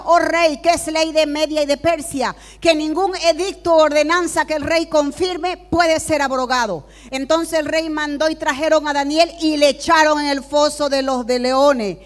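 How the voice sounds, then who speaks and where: A woman's voice: sits high, steady tone, moderate pace, few pauses. A woman prophet leading a Sunday school sermon, reading scripture aloud and preaching with rising fervor and firm declarations.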